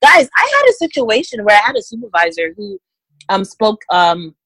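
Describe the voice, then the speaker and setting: A woman's voice: a little high, wildly swooping pitch, moderate pace, fairly bright tone, dry recording, low-quality recording. A woman giving direct, emphatic career advice in a conversational interview, speaking straight to listeners. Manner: direct, emphatic, addresses listeners as guys and ladies.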